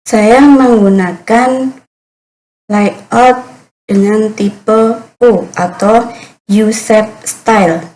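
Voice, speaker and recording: A woman's voice: mid-range voice, darkish tone, rough recording. A woman presenting an explanatory tutorial in a methodical, step-by-step manner. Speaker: presenter demonstrating meeting management.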